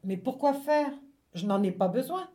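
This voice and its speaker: A woman's voice: sits high, animated, normal speed, warm tone, voice pushed up. A woman voicing a lazy, contented fisherman who stubbornly keeps asking why. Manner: stubborn repeated questioning.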